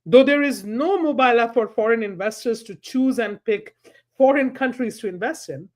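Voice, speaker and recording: A man's voice: very high-pitched, normal speed. A man from Bangladesh, a panel guest giving prepared, persuasive commentary and putting rhetorical questions to the listener.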